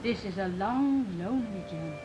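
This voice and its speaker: Woman playing portentous fortune teller, mid voice, dull old tv drama sound, loud music behind. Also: medium pitch, expressive, normal speed, close to an everyday voice. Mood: ominous. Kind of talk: 1960s British television drama acting.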